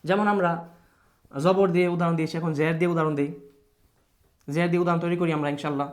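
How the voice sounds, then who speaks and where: A man's voice: fairly high pitch, steady tone, fast talker. A male teacher giving a patient children's reading lesson, asking questions, answering them himself and mixing in English words. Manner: mixes English words into his speech.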